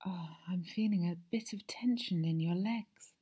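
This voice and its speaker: A woman speaks in a soft, soothing ASMR roleplay as a masseuse, drifting between a hushed voice and whispers. Her tone is breathy and mellow, a little low, and she takes her time over every phrase. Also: a little slow.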